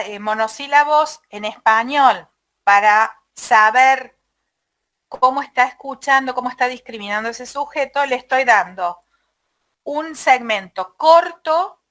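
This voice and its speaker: A woman's voice: a little high, a bit bright. A woman lecturer with an Argentine accent explaining a topic to her class, asking rhetorical questions and checking that students follow. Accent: Argentine Spanish. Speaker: university lecturer in audiology.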